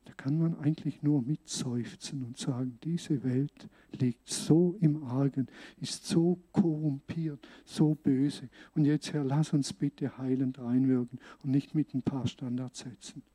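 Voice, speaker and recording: A man from Switzerland, preaching a sermon as a pastor in an earnest, conversational way with emphatic pauses. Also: mid-range voice, steady tone, warm tone, husky.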